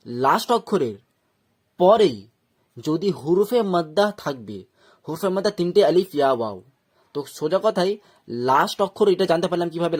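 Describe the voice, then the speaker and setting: A man with a Bengali accent teaching Quran reading step by step, breaking words into syllables and often checking that learners follow. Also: a little high. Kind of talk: step-by-step recitation lesson.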